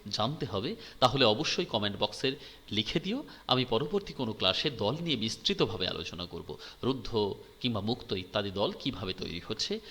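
Lively bright-voiced man teaching in a hall. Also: medium pitch. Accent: Bengali. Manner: asks and answers his own questions. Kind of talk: grammar lesson. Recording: long hall reverb.

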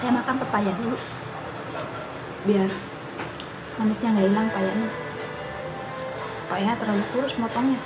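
A woman's voice: a little high, steady tone, normal speed, long pauses, reverberant. A young woman chats casually in short remarks, talking with her mouth full as she eats. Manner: talks with mouth full while eating fruit. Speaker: mukbang vlogger. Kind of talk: casual eating-show chat in short remarks. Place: small indoor kitchen. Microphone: camera or phone at arm's length. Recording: dull lo-fi sound, music over it. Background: clear background music.

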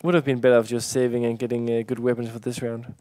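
A man's voice: medium pitch, little pitch movement, fast, dark tone, dry recording. Danish man giving match analysis. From Denmark. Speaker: esports co-commentator. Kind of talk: analytical color commentary.

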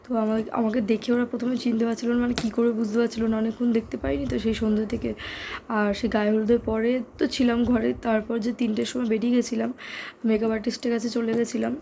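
A hoarse young woman with a sore throat, speaking softly in a casual vlog from her bedroom. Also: fairly high pitch, flat delivery, very fast, a little hiss or hum. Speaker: vlogger. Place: bedroom at home.

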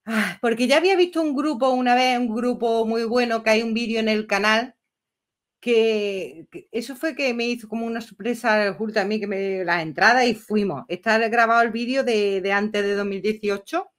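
A woman's voice: a little high, moderate pace. A woman, chatting casually and rambling through a livestream as host. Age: 50s.

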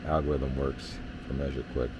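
A man, an HVAC technician, giving a relaxed hands-on explanation of system readings in a basement furnace area, with lots of fillers. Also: extremely low pitch, moderate pace, noisy background.

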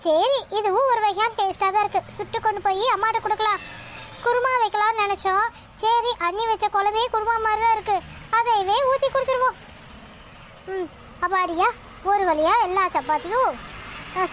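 A woman's voice: very high voice, fairly bright tone, slight background noise. A woman voicing a naive, chatty young daughter in a cartoon who talks to herself. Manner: chatty, naive, self-talking. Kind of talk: cartoon voice acting.

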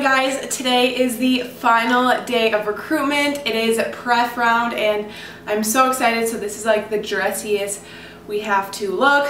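A woman's voice: on the high side, fairly bright tone, a little hiss or hum. A young woman chatting casually to camera as a vlogger, with a bubbly, gushing sorority-girl manner. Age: young adult. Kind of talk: casual chat to camera about outfits. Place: small indoor room in a home, standing before a door. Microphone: camera mic a few steps away. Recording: echoey room, slightly distant mic.

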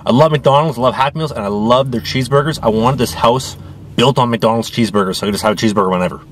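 Lisping young man with a retainer, talking fast. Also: medium pitch, a little hiss or hum. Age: 20s. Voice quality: slight lisp from wearing a retainer. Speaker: vlog host, hockey goalie. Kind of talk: casual Q&A chat to camera. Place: inside a parked car. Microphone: camera in front of him.

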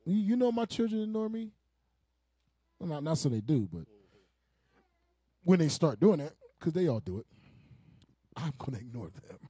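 A man with a high, lively voice teaches a group in a loose, joking way. His tone has a slightly husky edge. He laughs often as he talks to the room. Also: moderate pace, pauses often, no echo. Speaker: teacher leading a group discussion. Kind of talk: casual preaching, joking banter.

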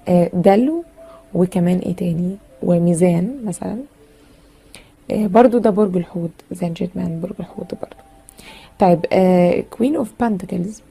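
A woman's voice: on the low side, gravelly, warm tone, slightly rough. A woman with an Egyptian Arabic accent giving a chatty, casual tarot reading full of fillers and teasing asides. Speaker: tarot reader.

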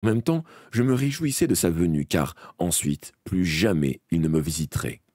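A man reading a dark fantasy audiobook aloud in the first person, dramatic and expressive, with small slips he corrects as he goes. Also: low-pitched, normal speed, dry recording, clean studio sound. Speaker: audiobook reader. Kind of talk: first-person audiobook narration read live.

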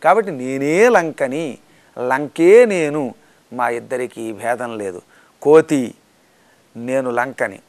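A man's voice: mid-range voice, lively intonation, slow pace, pauses often, darkish tone, pitched below the performer's own voice. A man voicing a haughty demoness who guards a city gate, scolding and threatening in a raised voice during a spoken discourse. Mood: proud.

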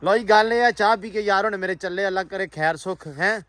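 A man's voice: high-pitched, brisk, fairly bright tone, no room sound. A man with a Pakistani Punjabi accent chatting casually as a vlog host, exclamatory and teasing. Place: outdoors on a village farm.

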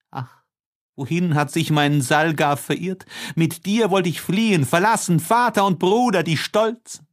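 A man reading a classic novel aloud as an audiobook, in a mournful, lyrical delivery with dramatic swells. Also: mid-range voice. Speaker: audiobook reader. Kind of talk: scripted narration of a classic novel.

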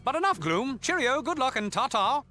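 A man's voice: very high-pitched, very animated, normal speed, sharp tone, soft background music, full character voice. An actor playing a cheeky male thief leader who puts on a stereotypical British accent and talks in a breezy, theatrical, teasing way. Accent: put-on stereotypical British. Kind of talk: game voice acting.

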